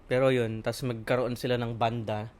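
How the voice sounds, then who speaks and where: A man's voice: mid-range voice, flat delivery, moderate pace, a little mellow. A man from the Philippines chatting casually on a podcast, telling stories with plenty of fillers. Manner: chatty, storytelling, many fillers. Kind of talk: casual chat.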